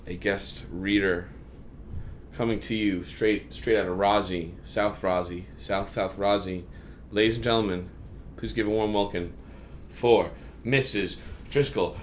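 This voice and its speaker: A man's voice: fairly low pitch, fairly even intonation, measured pace, slight background noise. A male teacher introducing a reading to his class in a playful, showman-like way.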